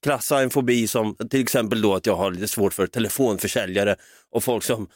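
A man's voice: on the low side, no room sound, studio quality. A man co-hosting a podcast in casual chat, laughing often, swearing and telling stories with put-on voices. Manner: laughing, swearing, lively storytelling. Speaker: podcast co-host.

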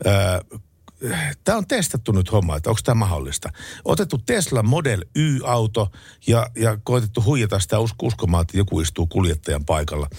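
A male night radio host with a low, husky, gravelly voice on a close studio mic. He talks in a relaxed, chatty way, and his pitch rises and falls a lot. The sound is dry and close. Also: dry recording. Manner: relaxed, chatty and easily amused. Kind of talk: casual late-night radio chat. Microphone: close studio microphone.

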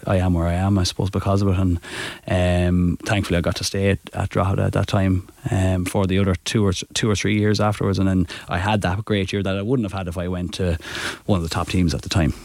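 A young Irish man talks through old stories in a relaxed, rambling way, stopping to correct himself and breaking into laughs. His voice sits low, and the sound is dry and close, with no room around it. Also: quick pace, no room sound. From Ireland. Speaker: podcast guest, goalkeeper. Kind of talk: casual storytelling chat.

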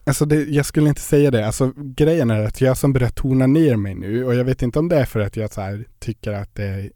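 A man's voice: mid-range voice, warm tone, no room sound. Young guy w rambling thru a story, lots of fillers, dead dry mic. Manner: chatty storytelling with many fillers. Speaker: podcast guest. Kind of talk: casual interview chat.

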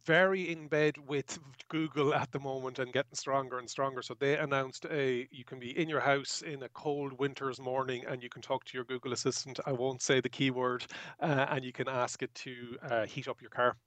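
A man's voice: medium pitch, little pitch movement, moderate pace, fairly bright tone, no room sound. Man, explaining enthusiastically. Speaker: guest electric car reviewer. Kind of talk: conversational tech commentary.

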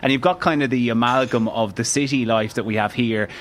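Young male guest, southeast Irish accent, quick, chatty and enthusiastic delivery. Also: mid-range voice, a little hiss or hum. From Waterford, Ireland. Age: late 20s. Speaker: interview guest. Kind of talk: casual, enthusiastic chat. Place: hotel, on location.

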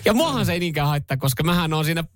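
A man hosting a morning radio show, telling stories in a lively, chatty way and imitating sounds. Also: a little high, no echo. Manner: animated storytelling, mimics sounds. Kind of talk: casual radio banter. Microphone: studio microphone.

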